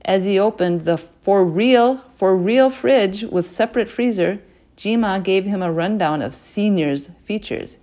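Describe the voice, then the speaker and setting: A woman narrating a children's chapter book in an expressive storytelling voice, dropping quietly into asides. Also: medium pitch, measured pace. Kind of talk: audiobook reading.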